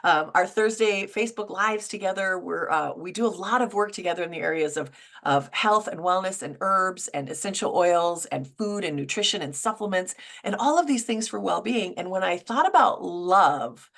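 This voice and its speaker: A woman's voice: fairly low pitch, normal speed, creaky, fairly bright tone. A middle-aged woman hosting a casual faith and wellness talk show, chatty, with frequent fillers and restarts. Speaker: podcast host.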